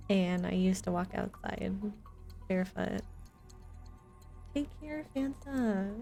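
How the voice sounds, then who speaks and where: A woman with a medium-pitched, darkish voice chats informally and playfully with her viewers while streaming a video game.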